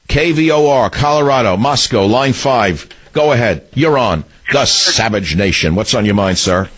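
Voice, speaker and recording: A man's voice: medium pitch, expressive, moderate pace, fairly bright tone, slightly rough. A man hosting a political talk radio show, ranting in combative, sneering bursts from a radio studio.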